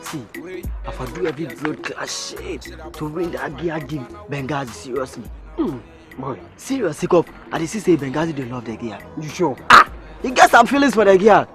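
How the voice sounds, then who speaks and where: A man's voice: on the high side, moderate pace, close to an everyday voice. A young actor with a Ghanaian Pidgin accent playing a man plotting with a friend to win a girl. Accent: Ghanaian Pidgin English. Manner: excited banter in Ghanaian Pidgin. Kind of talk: Ghanaian movie acting. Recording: film audio with music behind.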